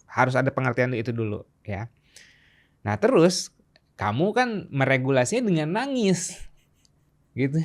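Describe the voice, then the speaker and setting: A man's voice: normal speed, long pauses. A man, co-hosting a casual relationship talk and acting out quoted lines. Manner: animated, acts out quoted lines with pitch jumps. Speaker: relationship coach co-host. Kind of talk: casual conversation.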